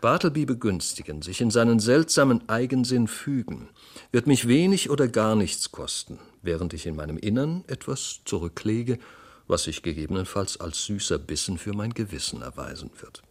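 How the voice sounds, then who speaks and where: A man narrating a classic story for a radio reading, his delivery dramatic and expressive. His voice sits fairly low but rises and falls with wide swings. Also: normal speed. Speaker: audiobook reader. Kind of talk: scripted literary narration.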